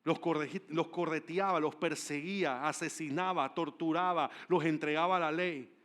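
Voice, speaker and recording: A man preaching a sermon as pastor, telling stories with animated emphasis and swinging between loud declarations and hushed asides. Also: a little high, moderate pace. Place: church service.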